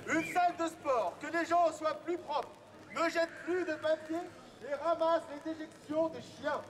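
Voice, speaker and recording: A man cries out like a town crier in a very high, projected voice. He declaims public notices and messages line by line. He is recorded out in an urban street, with a crowd audible around him. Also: fairly even intonation, normal speed. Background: crowd and street sounds.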